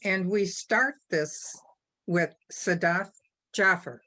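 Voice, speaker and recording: Slow, low-voiced woman moderating a forum. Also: sharp tone. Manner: measured, announcing rules and speakers. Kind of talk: formal moderating.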